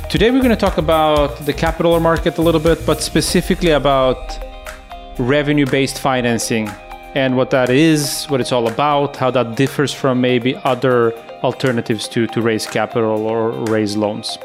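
A man co-hosts a podcast, asking questions in a chatty, joking way. He has a mid-range voice. Faint music sits quietly behind him. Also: mid-range voice, fairly even intonation, moderate pace. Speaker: podcast co-host. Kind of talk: podcast interviewing.

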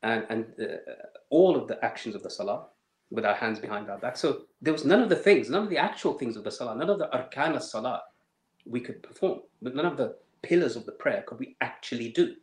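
Softly told, reflective man in an echoey room. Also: medium pitch, lively intonation. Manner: measured, emotional storytelling with many fillers. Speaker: interview guest. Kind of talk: personal testimony in an interview.

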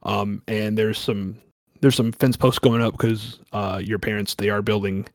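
A man's voice: fairly low pitch, level tone, a little slow, no echo, studio quality. A man narrating a horror tabletop game as game master, rambling and swearing casually.

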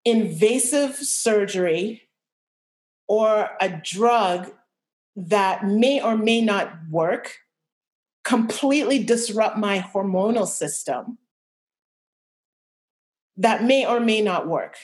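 A young adult woman telling a personal story as a podcast guest, reflective and halting, with many restarts. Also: medium pitch, animated, darkish tone. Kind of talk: candid personal interview.

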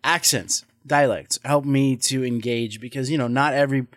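A man's voice: mid-range voice, fairly even intonation, normal speed, no echo, studio quality. A man hosting a casual conversation about running tabletop games, thinking aloud and rephrasing as he goes. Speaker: podcast host and dungeon master.

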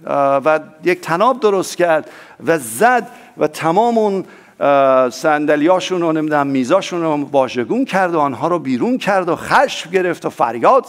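High-voiced, animated man preaching. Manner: animated preaching, swings from loud emphasis to soft low asides; asks the congregation for responses. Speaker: pastor. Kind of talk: sermon.

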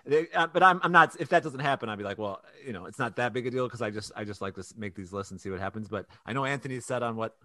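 A podcast host talking casually, his voice bright and edgy. He circles his points with stops and restarts, recorded dry with no room sound. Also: medium pitch, quick pace, few pauses, dry recording. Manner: rambling with many restarts.

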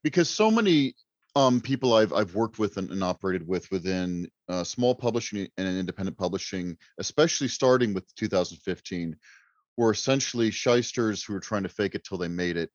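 A man with a lowish, animated voice talks fairly quickly as a guest author on a podcast, rambling casually and making self-deprecating jokes. The mic sounds roomy and a bit dull.

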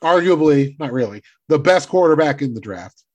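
A man's voice: a little high, lively intonation, normal speed, a little mellow, muffled recording. A man co-hosting a sports podcast in casual chat, teasing dryly while reading out draft picks. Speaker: podcast co-host.

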